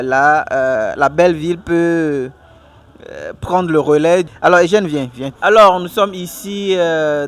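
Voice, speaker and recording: A man hosting a casual outdoor interview at a food stall, speaking in a lively, upbeat way. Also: a little high. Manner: lively and upbeat, laughs easily. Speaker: interviewer and show host.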